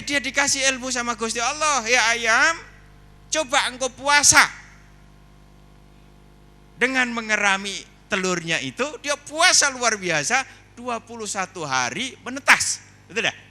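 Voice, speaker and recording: A man giving a lively, humorous seminar talk indoors, telling stories and putting questions to the audience. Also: extremely high pitch, moderate pace. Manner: animated storyteller, asks the audience questions. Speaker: seminar speaker.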